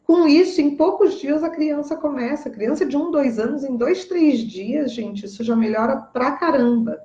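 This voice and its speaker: A woman's voice: sits high, normal speed, dark tone, reverberant, lo-fi sound. A woman with a Brazilian Portuguese accent, a parenting educator giving casual, emphatic advice and often checking in with her listeners.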